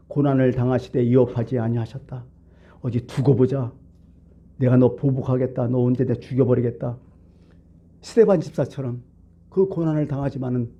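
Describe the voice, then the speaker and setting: A man's voice: mid-range voice, dark tone, breathy edge, dull audio. A male pastor from South Korea preaching a Sunday sermon in a church, conversational and blunt, asking the congregation rhetorical questions. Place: church sanctuary.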